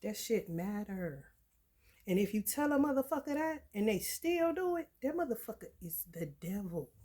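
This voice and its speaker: A woman ranting to her viewers in a blunt, profane, animated storytelling way. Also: mid-range voice, moderate pace. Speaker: vlogger. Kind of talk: profane rant to camera.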